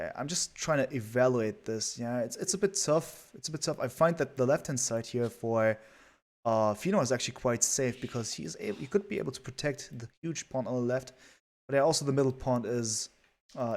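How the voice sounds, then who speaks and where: A man casting a strategy game live, chatty and rambling with lots of fillers. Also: mid-range voice. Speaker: esports caster.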